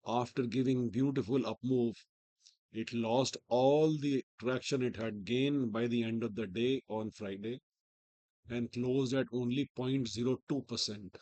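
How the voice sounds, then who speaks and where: A man with an Indian accent and a sore, swollen-sounding throat gives informal trading commentary in halting, deliberate short phrases, his voice strained and limited in volume. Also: medium pitch, darkish tone, no room sound. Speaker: market analyst host.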